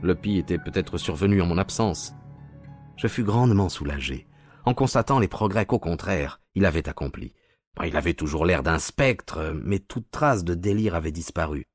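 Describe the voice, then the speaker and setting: A grave narrating doctor. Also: male voice, deep voice, no room sound, studio quality. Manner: grave, measured storytelling. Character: loyal worried male doctor companion. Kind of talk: radio drama narration.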